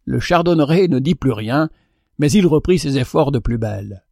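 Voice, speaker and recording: A man narrating a fable in an expressive, measured reading. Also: medium pitch, gravelly, dry recording, clean studio sound. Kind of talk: storybook narration.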